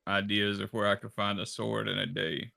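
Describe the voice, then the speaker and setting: A man's voice: lowish voice, level tone, moderate pace, creaky, pushed and bright, no echo, clean studio sound. A man playing in a tabletop game, chatting casually, rambling and stammering. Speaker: player.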